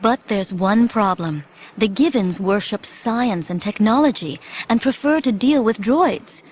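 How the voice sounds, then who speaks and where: An actress playing a decisive young princess and rebel leader, earnest and assertive, in an audio drama. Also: female voice, mid-range voice, unhurried, darkish tone, natural voice. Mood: earnest, businesslike.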